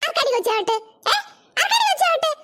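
A cranky old cartoon grandmother, as a woman plays her, snapping and scolding at everyone around her. Her voice sits extremely high and squeaky for an old woman. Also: very animated, fast, very noisy. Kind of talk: cartoon voice acting.

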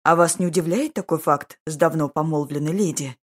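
A woman voices a duke who is calm and self-assured, speaking in a dry, ironic, level way. Her voice is low and slightly husky, and her delivery is brisk.

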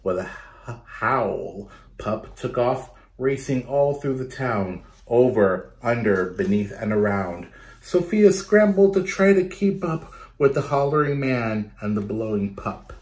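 This man's mid-range voice is a little mellow and swings widely in pitch as he reads a picture book to children. Indoors in a small bedroom, he gives an animated, teaching read-aloud, breaking off to quiz and explain for the young listeners.

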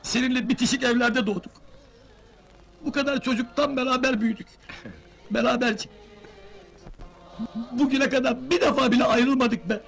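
A man playing a hotheaded young townsman, shouting indignantly in old dubbed film dialogue. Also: very high-pitched, fairly even intonation, normal speed, creaky, long pauses, faint music behind, exaggerated voice. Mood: wounded. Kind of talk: 1970s post-synced film dialogue.

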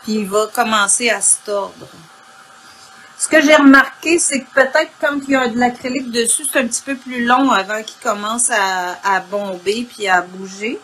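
A woman with a Quebec French accent and a husky morning voice, informally demonstrating an art technique and often clearing her throat. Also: on the high side, normal speed, a bit bright, slight background noise, low-quality recording. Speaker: craft instructor. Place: indoor craft worktable.

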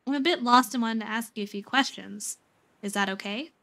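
A woman's voice: a little high, fairly quick. Woman voicing a polite lost traveler girl. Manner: polite, gentle.

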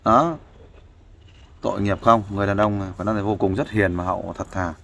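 A man's voice: on the low side, fairly even intonation, brisk, vocal fry, fairly bright tone, slight background noise. A man giving fatherly, persuasive advice in a casual interview, often asking for agreement. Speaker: volunteer counselor interviewing a guest.

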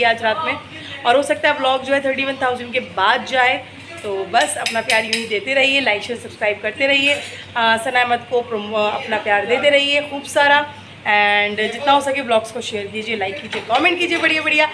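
A woman's voice: on the high side, noisy background. A young woman chatting casually in a family vlog, affectionate and often laughing. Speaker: vlogger.

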